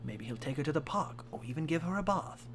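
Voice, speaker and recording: Reading a fan story on a live stream at home, a young man hams it up with profanity and laughing asides. His voice sits a little high and sounds expressive and a bit bright as he talks fast, with slight background noise.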